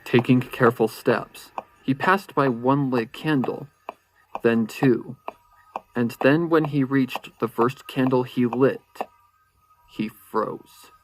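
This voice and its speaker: In a mid-range voice and at a slow pace, a man narrates dramatic horror fan fiction with suspense and theatrical flair. The low-quality recording has no echo, and faint music plays in the background.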